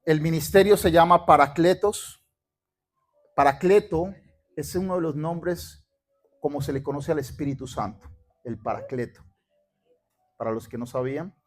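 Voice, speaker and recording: A man's voice: fairly high pitch, moderate pace, long pauses. Fervent Colombian-born male pastor preaching. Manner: fervent preaching, calls for congregation responses. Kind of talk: sermon with church announcements. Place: church sanctuary.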